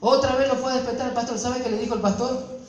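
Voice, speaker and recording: A man's voice: extremely high pitch, fairly even intonation, fast talker, lo-fi sound. A man with an Argentine accent, a pastor preaching a sermon who keeps asking the congregation rhetorical questions. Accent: Argentine Spanish. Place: church. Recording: echoey church from far off, faint noise.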